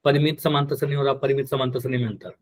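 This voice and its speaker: A man's voice: mid-range voice, flat delivery, very fast. A man teaching a live online math class, patient and repetitive, often quizzing his students. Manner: patient, repeats key terms and quizzes students.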